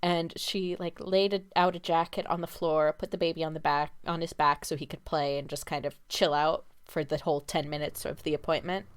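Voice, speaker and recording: Low-voiced woman telling stories, laughing. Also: steady tone, a little fast, hardly any pauses, clean tone. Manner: chatty storyteller, laughs often. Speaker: podcast co-host. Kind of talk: casual chat. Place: home.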